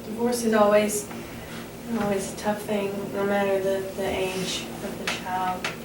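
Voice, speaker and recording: A woman speaking as a counselor in a conversational role-play, measured and reassuring as she asks questions. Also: medium pitch, completely flat delivery. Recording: echoey, distant, noisy room recording.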